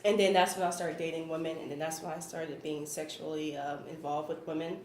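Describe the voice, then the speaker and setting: A woman's voice: low voice, flat delivery, brisk, a little mellow. A woman in her twenties telling her story earnestly with many fillers in a casual group chat. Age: 20s. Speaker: guest. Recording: roomy echo, faint hiss.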